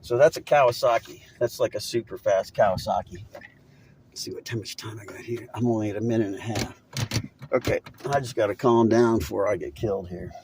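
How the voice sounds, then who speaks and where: A man's voice: lowish voice, brisk, noisy background. A middle-aged man vlogging as he drives, telling a rambling, chatty story and laughing at it. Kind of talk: casual storytelling monologue while driving. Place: inside a moving vehicle.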